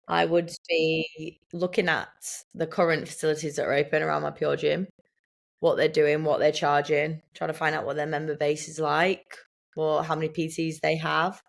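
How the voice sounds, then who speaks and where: A woman giving brisk, list-like business advice in a casual podcast Q&A. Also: deep voice, level tone, creaky. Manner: brisk, lays out points as a list.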